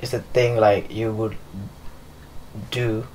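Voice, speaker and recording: Speaking slowly in a lowish, slightly mellow voice with little pitch movement, a young Nepali man answers interview questions loosely and with many fillers. He's a dancer and choreographer seated in a living room with leather sofas; the recording is rough, with a little hiss or hum.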